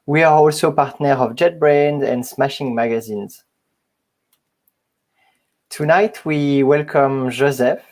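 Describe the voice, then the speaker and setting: A man's voice: mid-range voice, takes it slowly, long pauses, a little mellow. A man hosting an online web meetup, introducing the event with hesitant speech and many fillers, over a video call. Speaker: meetup host.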